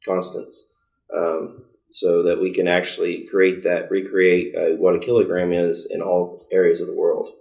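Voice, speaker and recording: A man with a very low, gravelly voice, speaking as a guest on a casual podcast. His delivery stays flat, and he pauses often with fillers. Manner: halting, many fillers. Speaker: service director.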